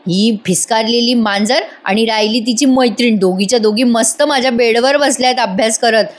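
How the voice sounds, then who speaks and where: A woman voicing a lazy, teasing young male architect in a spoken serial recap, slow and pleading. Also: fairly high pitch, natural voice. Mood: grumbling. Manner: pleading, drawn-out calls for attention.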